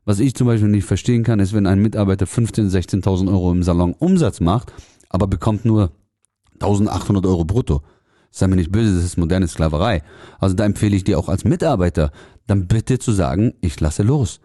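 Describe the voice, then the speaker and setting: A man's voice: low voice, a little fast, warm tone, no room sound, studio quality. A man who runs a salon, speaking earnestly and directly to the listener in a motivational podcast monologue about letting go. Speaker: salon owner giving advice to hairdressers.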